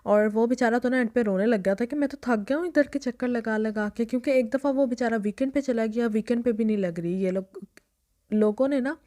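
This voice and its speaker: A woman's voice: a little high, a little fast, warm tone. A young woman, chatting and rambling through a casual vlog story. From Pakistan. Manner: chatty, rambling, keeps restarting with "anyway". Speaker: vlogger.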